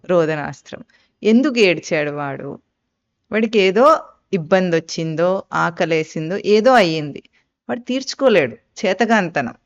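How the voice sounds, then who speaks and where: Spiritual teacher, smooth resonant voice, questions and answers, on a dull lo-fi recording. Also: medium pitch, expressive, moderate pace. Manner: asks rhetorical questions and answers them; quotes and explains Sanskrit terms. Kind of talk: live scripture discourse.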